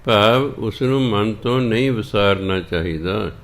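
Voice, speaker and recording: A man giving a slow teaching sermon, chanting scripture verses and patiently repeating words to drill their correct pronunciation. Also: fairly low pitch. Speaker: Sikh preacher teaching scripture recitation.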